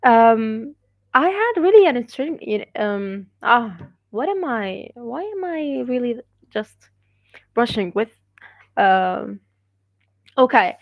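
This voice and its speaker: A woman's voice: on the high side, very animated, takes it slowly, long pauses, no echo, highs cut off. A woman from Gaza, an English speaker hosting a casual livestream, reading viewer comments with many fillers and frequent laughs. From Gaza, Palestine. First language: Arabic. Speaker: livestream host.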